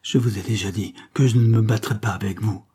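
A man reads a cornered, cowardly young nobleman from an old French novel, his dark, husky voice rising a little when the figure pleads or argues back. The lines are delivered as storybook dialogue, insistent and scheming. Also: lowish voice, steady tone, fairly quick. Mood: resigned. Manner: pleading then defiant.

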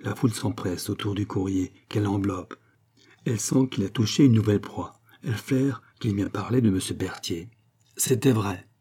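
Husky-voiced male audiobook narrator. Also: lowish voice. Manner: steady, measured literary reading. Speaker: audiobook reader. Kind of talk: scripted narration.

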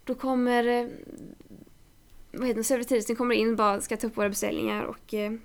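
A woman co-hosting a relaxed podcast, her voice sitting a little high. She tells anecdotes in loose conversational chat and swears freely along the way. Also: clear, resonant tone. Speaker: podcast co-host.

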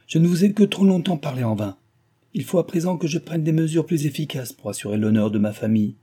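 A proud older noble mother, haughty and cold with fury, as a man reading aloud puts her on. She speaks raised and high in a dark, husky voice. It is a spoken storybook reading. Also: lively intonation, fast talker. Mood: haughty anger. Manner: haughty, angry.

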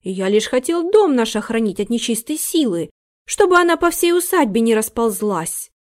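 Woman putting on a hoarse, fervent old butler. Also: sing-song, moderate pace. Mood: fierce. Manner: indignant, raised pitch. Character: agitated superstitious male butler captain.

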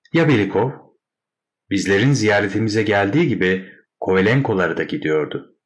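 A man narrating a classic short story in a measured, wry storytelling manner. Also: on the low side.

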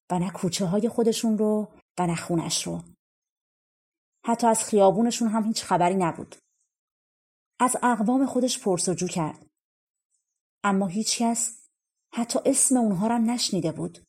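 A woman narrates a folk tale audiobook in a calm, measured way. Her voice is mellow and dark, with a soft husky breathiness. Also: mid-range voice. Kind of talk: storybook narration.

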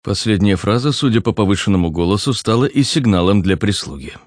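A man narrating an audiobook in an even storytelling delivery. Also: fairly low pitch, a little fast, no echo, clean studio sound.

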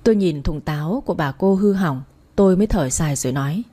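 A woman narrating a first-person story, plain and lively when she voices the quarrels. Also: fairly low pitch, fast talker.

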